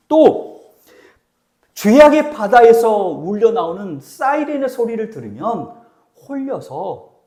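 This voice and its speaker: A man preaching a sermon, pitched high and full of movement in his voice. He keeps asking the congregation questions. He moves between forceful exhortation and near-whispered lines. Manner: dramatic swings from loud exhortation to near-whispers. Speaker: pastor.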